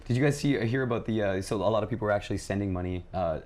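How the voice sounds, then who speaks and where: Fast-talking low-voiced Canadian man. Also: darkish tone. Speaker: co-host. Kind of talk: casual news chat.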